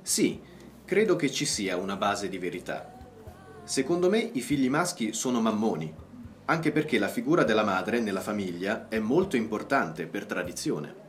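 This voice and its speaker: A man's voice: lowish voice, big pitch swings, normal speed, soft background music. A man speaking in a scripted dialogue for language learners, often asking questions. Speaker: dialogue partner in a language lesson.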